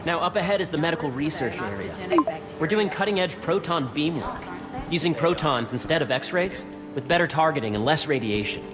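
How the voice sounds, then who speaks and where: Man acting confident young male game character, upbeat, casual, higher register, music behind. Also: expressive, a little fast, lightly acted. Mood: proud, upbeat. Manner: breezy, casual, proud.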